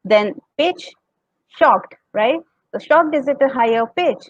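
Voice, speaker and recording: A woman's voice: high voice, expressive, moderate pace, dry recording, lo-fi sound. Indian woman coaching public speaking. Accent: Indian English. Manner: explains step by step, demonstrates tones and laughs often. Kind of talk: teaching talk on public speaking.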